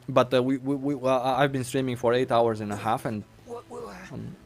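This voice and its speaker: Chewing as he talks, a man streams a video game and chats in a loose, rambling way, stumbling over fillers and restarts. His mid-range voice is level and moderately paced, picked up by a desk mic with faint music in the background.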